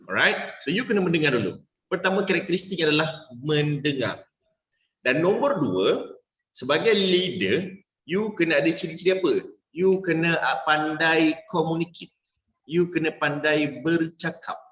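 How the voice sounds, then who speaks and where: A man's voice: fairly high pitch, expressive, moderate pace, fairly bright tone. A man with a Malaysian accent teaching a workshop class as a business sales coach, switching between Malay and English and checking in with "alright?" after nearly every point. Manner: playful, acts out little dialogues. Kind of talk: workshop lecture to a live class. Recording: echoey room, dull lo-fi sound.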